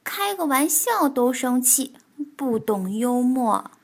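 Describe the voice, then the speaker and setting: A woman's voice: high-pitched, big pitch swings, slow pace, vocal fry, heavily acted. A woman voicing a playful, teasing young male frog in a children's storybook, with a raised, bouncy voice. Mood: bickering. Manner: playful, teasing, sing-song.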